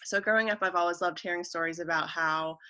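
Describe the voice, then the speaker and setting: A woman hosting a relaxed web interview show, speaking in a friendly, conversational way with the odd filler. Her voice is a little low but has a bright, forward edge. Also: quick pace. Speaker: host. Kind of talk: casual interview.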